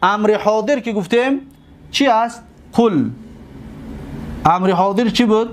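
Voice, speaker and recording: High-voiced man teaching grammar drills. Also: a little hiss or hum. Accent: Tajik. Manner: drills word forms slowly and repeatedly, checks on students. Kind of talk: classroom lesson.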